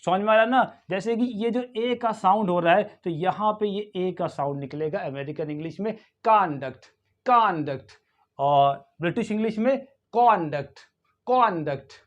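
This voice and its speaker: A man with an Indian accent teaching English pronunciation in a video lesson, saying each word slowly and repeating it for practice. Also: sits high, highs cut off. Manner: slow, repeats words for drilling, mixes Hindi and English.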